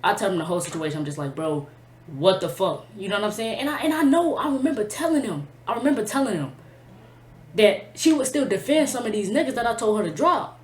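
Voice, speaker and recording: A woman's voice: on the high side, sing-song, fast talker. A woman telling a personal storytime to camera in a blunt, profane, emotional way, full of slang. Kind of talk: casual storytime vlog. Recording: echoey room.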